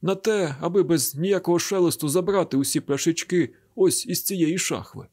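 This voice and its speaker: A bitter old village father rails at the world in a slightly high, husky voice, played by a man. He is grieving and reproachful, a weathered cattle healer in an audiobook drama. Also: normal speed, a little mellow.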